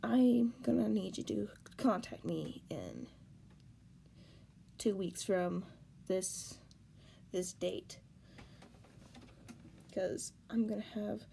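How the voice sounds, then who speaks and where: A woman talking to camera while upset and crying, halting, repeating herself and sighing. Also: mid-range voice, expressive, vocal fry, warm tone, a little hiss or hum. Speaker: vlogger. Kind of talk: tearful personal reaction vlog.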